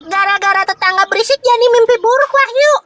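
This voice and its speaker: A woman voicing a sensible, deadpan young boy in a cartoon who teases his friend. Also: very high-pitched, fast. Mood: dry. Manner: dry, teasing, matter-of-fact. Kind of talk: cartoon voice acting.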